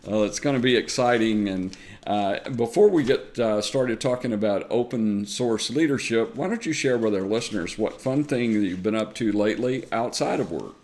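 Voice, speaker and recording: A man with a Southern US accent hosts an interview show, his voice sitting a little low. He talks in a chatty, upbeat way and drops in plenty of uh fillers. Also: moderate pace, a little mellow. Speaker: podcast host. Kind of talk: friendly conversational interview.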